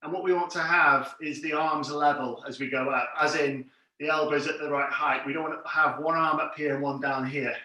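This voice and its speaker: A man's voice: fairly high pitch, steady tone, brisk, bright, forceful tone. A man instructing an exercise class, giving encouraging, plain step-by-step cues and counts. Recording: very echoey room, distant mic.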